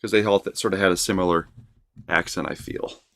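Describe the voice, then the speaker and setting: A man's voice: low-pitched, fairly even intonation, brisk, gravelly, a bit bright, dry recording, clean studio sound. A man co-hosting a live music reaction podcast, curious and easygoing, asking casual questions. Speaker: podcast co-host.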